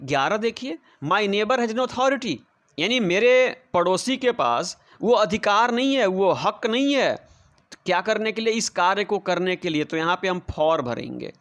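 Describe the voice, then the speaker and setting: A man's voice: high-pitched, expressive, normal speed, fairly bright tone. A man teaching English prepositions to children, explaining patiently and repeating each example sentence. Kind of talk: classroom lesson.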